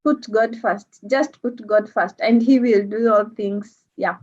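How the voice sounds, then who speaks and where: A woman's voice: fairly high pitch, a little slow. A woman from Kenya with a Kenyan accent, a guest talking casually in an interview, hesitant with many fillers and easy laughs. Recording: dull lo-fi sound.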